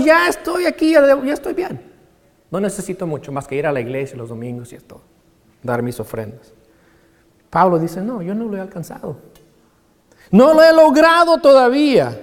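Impassioned high-voiced male preacher. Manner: impassioned, swings between hushed and loud exclamations. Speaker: pastor. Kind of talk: Spanish-language sermon. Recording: long reverb of a large hall.

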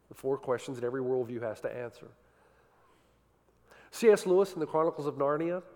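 Preacher man, passionate sermon, voice a touch high, ringing through a large hall. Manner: impassioned, swings from loud emphasis to quiet intensity. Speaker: pastor.

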